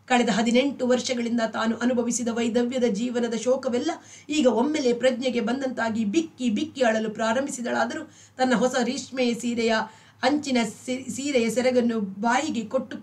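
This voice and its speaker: Woman narrating a novel, fairly high voice. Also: fairly even intonation, normal speed, darkish tone, recorded from a distance. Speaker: audiobook reader. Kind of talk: novel reading.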